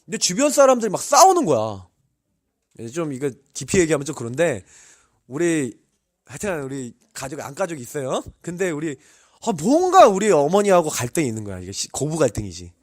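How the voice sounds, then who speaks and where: High-pitched, animated male pastor. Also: brisk. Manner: animated, asks the audience many questions; tells personal stories with vivid sound words. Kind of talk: sermon to university students.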